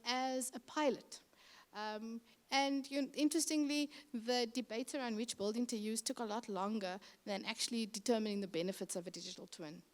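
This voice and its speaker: A middle-aged woman with a Cape Town South African accent, giving a conference presentation as a city infrastructure manager, talking conversationally with frequent ums and uhs. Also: fairly high pitch.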